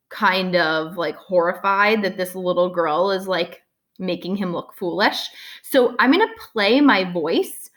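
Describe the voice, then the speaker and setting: A woman's voice: mid-range voice, fairly bright tone. A woman teacher explaining a lesson in a casual way, full of filler words, often checking in with "right?".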